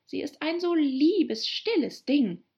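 A woman's voice: high voice, lively intonation, takes it slowly, creaky, darkish tone, dull audio, voice pushed up, heavily acted. A woman voicing an eager, polite young girl who chatters on apologetically.

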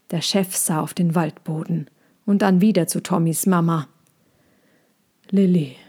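A woman reading a children's story aloud, slow and careful. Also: medium pitch, darkish tone.

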